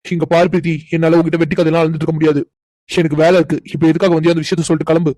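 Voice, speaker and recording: Man voicing a cartoon young man, hurt and angry, bitter scolding, very fast talk. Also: fairly high pitch, level tone, mellow, close to an everyday voice. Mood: resentful. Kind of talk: cartoon voice acting.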